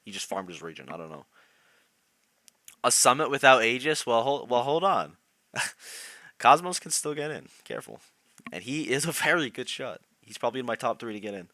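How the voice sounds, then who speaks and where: A man's voice: medium pitch, big pitch swings, moderate pace, pauses often, pushed and bright, dry recording. A young man on a live stream, chatting casually about competitive players and reacting to chat, laughing often.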